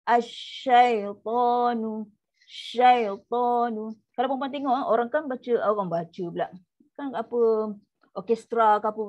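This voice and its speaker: A woman with a Malaysian Malay accent teaching an online tajwid class, stretching out the demonstration syllables between quick explanations. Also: mid-range voice, a little mellow. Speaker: Quran recitation teacher. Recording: muffled lo-fi audio.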